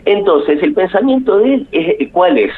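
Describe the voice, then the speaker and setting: A man's voice: high-pitched, very animated, normal speed, slight background noise. Argentine male radio guest, opinionated and hesitant, heard through a thin AM radio phone line. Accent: Rioplatense Argentine Spanish. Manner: opinionated, thinking aloud with frequent hesitations. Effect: phone-line voice heard over AM radio. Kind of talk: radio interview commentary. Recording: tinny narrowband phone line.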